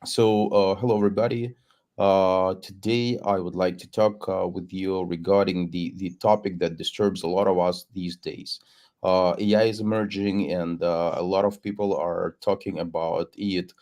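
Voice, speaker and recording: A man gives a webinar presentation as a solution architect over a video call, speaking in a measured way and repeating words as he thinks. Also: sits low, darkish tone.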